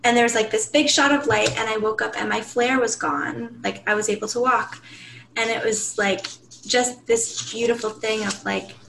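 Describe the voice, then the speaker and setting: A woman's voice: on the high side, steady tone, moderate pace, creaky, a bit bright, reverberant, a little hiss or hum, poor audio. A woman in an online group sharing a personal experience earnestly, with many filler words. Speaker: workshop participant.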